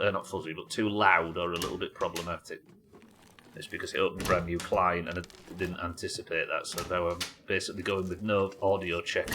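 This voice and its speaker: A man giving casual live commentary as he streams a video game, thinking out loud. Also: low voice. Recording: faint background noise.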